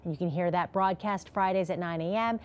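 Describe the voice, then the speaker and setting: A woman radio news announcer reading a scripted news segment in a loud, dense radio voice. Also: fairly low pitch, fairly quick, slight background noise.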